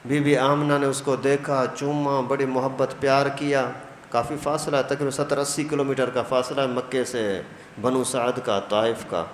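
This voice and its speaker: Man telling a religious story in a hall. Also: medium pitch. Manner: animated storytelling, acts out dialogue. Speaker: religious teacher. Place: mosque hall. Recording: echoey hall, faint noise.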